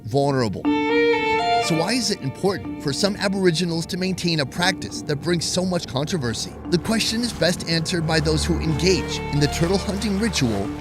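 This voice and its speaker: A man narrates like a nature documentary host, reading from a script. His voice sits a little higher than most men's. Prominent music plays beneath him. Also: animated, fairly quick. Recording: loud music under narration.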